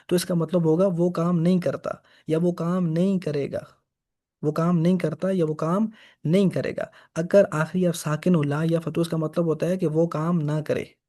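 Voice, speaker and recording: A man's voice: a little high, dark tone. A man teaching Arabic grammar for reading the Quran, patiently repeating each example. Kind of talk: grammar lesson.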